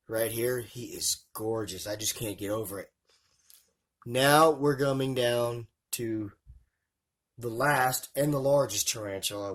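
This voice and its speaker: Emphatic man hosting a hobby vlog. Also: medium pitch. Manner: emphatic, addresses viewers directly. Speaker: tarantula hobbyist hosting an unboxing. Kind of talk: casual enthusiastic vlog commentary.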